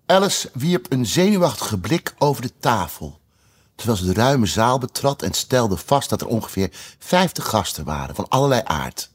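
A man reading a storybook aloud with expressive narration. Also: mid-range voice, normal speed, husky, faint music behind. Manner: lively, expressive.

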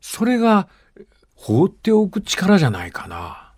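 An older man hosts a morning radio talk, reading listener letters aloud. His speech swings widely in pitch as he tells stories in a lively, animated way, sitting a little higher than most men. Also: a little slow. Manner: lively storytelling, acting out dialect dialogue. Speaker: radio host.

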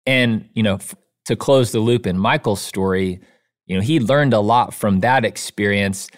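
An author appears as a guest in a casual interview, talking earnestly like a storyteller and often saying "you know." His voice is fairly low and moves at normal speed.

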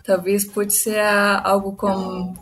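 A woman's voice: medium pitch, flat delivery, slow. Woman giving brief tentative answers. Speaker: quiz contestant. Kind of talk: casual game chat.

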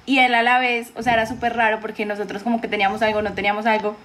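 Woman, quick chatty delivery, fairly high voice, rambling fillers. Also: little pitch movement, fairly bright tone, slight background noise. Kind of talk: casual chat.

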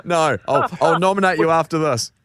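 A man's voice: fairly high pitch, fairly quick, background noise. A man with a New Zealand accent hosting radio in casual, teasing banter. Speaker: radio host.

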